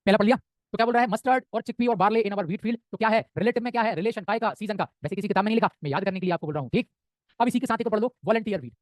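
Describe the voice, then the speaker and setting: A man's voice: sits high, dry recording. A man from India teaching an exam-prep lecture, who keeps asking his students whether they understood and answers his own questions. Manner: rapid, keeps asking "samjhe?" and answering himself.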